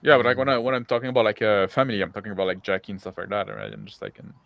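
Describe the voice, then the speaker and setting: A man's voice: fairly low pitch, lively intonation, racing, vocal fry, fairly bright tone. A man chatting casually on a live stream, rambling along with lots of filler words and chuckles.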